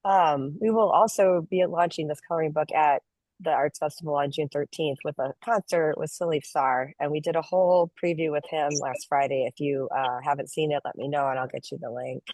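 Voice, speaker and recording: A woman's voice: low-pitched, steady tone, a little fast, darkish tone, no echo. A woman hosting an online interview and presenting slides, speaking in a friendly, loose way with many ums. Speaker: interview host and advocate.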